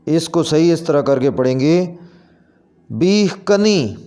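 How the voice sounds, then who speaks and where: Male teacher, mellow and a bit high-pitched, deliberate word-by-word drill. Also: fairly even intonation. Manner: repeats each word slowly and deliberately. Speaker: Urdu pronunciation teacher. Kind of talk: pronunciation drill lesson.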